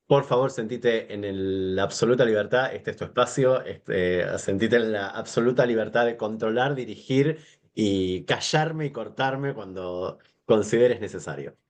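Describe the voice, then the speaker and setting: A man's voice: fairly low pitch, unhurried. A man in his forties with an Argentine accent, a guest scholar in a podcast interview, talking at length with many fillers, restarts and digressions. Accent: Argentine Spanish. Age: 40s.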